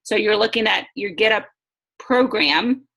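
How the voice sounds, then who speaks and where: A woman's voice: medium pitch, expressive, a little slow, creaky, fairly bright tone. A woman hosting a casual webinar over a video call, chatty and upbeat, often laughing. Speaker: host.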